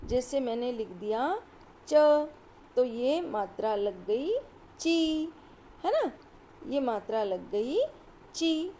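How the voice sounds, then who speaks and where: A woman teacher with a high voice takes young children through a Hindi lesson at an unhurried pace. She sounds each word out patiently and cheers them on as she goes. Faint noise sits behind her voice. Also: a little mellow. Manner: patient, sounds words out slowly.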